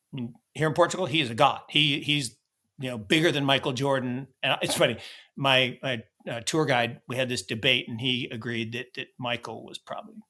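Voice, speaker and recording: A bright, pushed, medium-pitched male voice belongs to an American podcast co-host. He chats casually and with animation about markets and travel, often restarting what he's saying.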